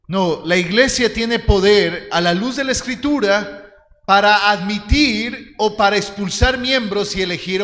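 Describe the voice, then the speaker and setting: A man's voice: sits high, fairly bright tone. A man, preaching a teaching sermon in an earnest, direct way and calling his listeners brothers. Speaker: pastor. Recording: long hall reverb.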